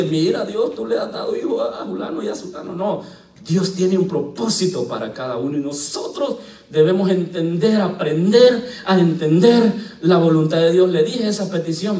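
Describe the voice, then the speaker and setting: A male pastor preaches a sermon, his fairly high voice rising to shouts and dropping to hushed pleas. He is heard from some way off the mic, in an echoey church hall. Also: distant mic. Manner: swings from shouting to hushed, near-whispered pleading. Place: church sanctuary.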